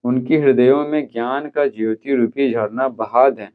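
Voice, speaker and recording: A man's voice: mid-range voice, steady tone, normal speed. A man teaching a school lesson, explaining step by step and checking in with his students often. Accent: Hindi. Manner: repeats "theek hai" often, explains step by step. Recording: tinny phone-like sound.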